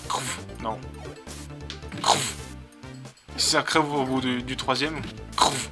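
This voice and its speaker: A man's voice: mid-range voice, steady tone, slow, pushed and bright, soft background music. A man commenting casually on his gameplay, muttering to himself and swearing, with a sore throat. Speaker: let's play host.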